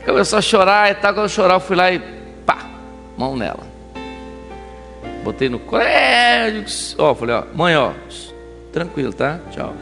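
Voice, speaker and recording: A male pastor giving a conversational sermon, animated and telling stories while acting out the scenes. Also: sits high, normal speed, vocal fry, pauses often, big-room sound, soft background music. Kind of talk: sermon with storytelling. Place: church.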